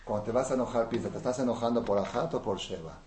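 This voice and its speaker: A man teaching a Torah class as a rabbi. He swings between soft asides and loud, emphatic rhetorical questions. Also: medium pitch, quick pace. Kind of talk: Torah lecture. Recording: roomy with faint noise.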